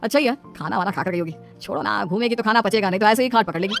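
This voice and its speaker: A woman's voice: medium pitch, racing, gravelly, music in the background, lightly acted. A woman voicing a casual, easygoing young adult son in a cartoon story, talking in an offhand way.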